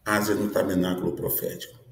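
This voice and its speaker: A man's voice: deep voice, little pitch movement, fast, roomy sound. A man in his fifties, a pastor, teaching a prophetic sermon in an earnest style, often checking in with his listeners. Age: 50s. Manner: earnest preaching with frequent tag questions.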